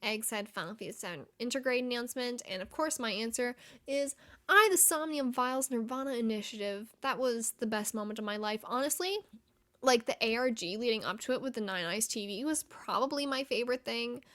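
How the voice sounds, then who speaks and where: A young woman hosts a casual gaming chat, her voice sitting slightly high. She talks with bubbly excitement, swears freely and breaks into laughs often. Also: a little fast. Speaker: gaming show host.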